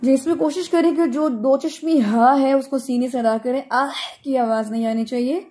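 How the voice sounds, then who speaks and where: A woman's voice: sits high, steady tone, moderate pace, warm tone. A woman teaching Quran recitation, patiently correcting a student's pronunciation and chanting the verses melodically.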